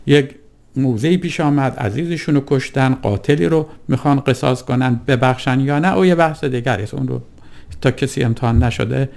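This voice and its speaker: A man giving a reflective religious talk in a deliberate, rhetorical way, piling up lists and questions. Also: medium pitch, gravelly, a little mellow.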